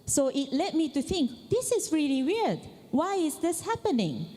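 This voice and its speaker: A woman from Japan giving a conference opening talk, slow and deliberate, often asking the audience questions. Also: high-pitched, very animated, dark tone. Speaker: keynote speaker. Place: large conference hall. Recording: long hall reverb.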